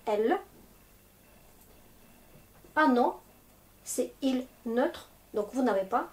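A woman's voice: on the high side, lively intonation, extremely slow. A woman teaching a language lesson in French, explaining patiently step by step. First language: Russian. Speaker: Russian teacher. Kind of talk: slow, clear language lesson.

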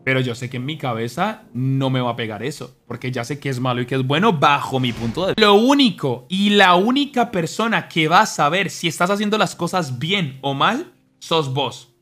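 A young man streaming, talking earnestly to his chat in an animated, preachy way. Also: a little high, normal speed. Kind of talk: casual monologue to stream chat. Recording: faint music behind.

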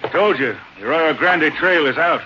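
An actor playing a gruff outlaw posing as a cowhand, with a low, drawling, threatening manner, heard through an old AM radio broadcast. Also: male voice, moderate pace, sharp tone. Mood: menacing. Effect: old AM radio broadcast sound. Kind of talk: 1940s radio acting. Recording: muffled, hissy old radio recording.

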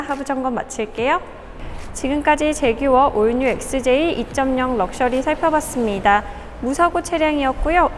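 A woman's voice: high voice, slight background noise. A woman narrating a scripted used-car walkaround as a dealership presenter, with polite, orderly inspection patter. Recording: music behind the voice. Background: background music.

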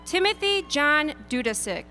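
High, lilting woman reading names. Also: sing-song, pushed and bright, faint music behind. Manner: deliberate, lilting name announcing. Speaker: graduation name reader. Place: outdoor stadium ceremony over PA.

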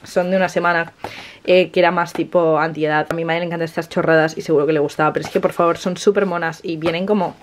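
A woman's voice: fairly low pitch, steady tone, fast, slight background noise. A woman, chatting casually to camera in a vlog, swearing freely and slipping in English words. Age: early 20s. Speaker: vlogger.

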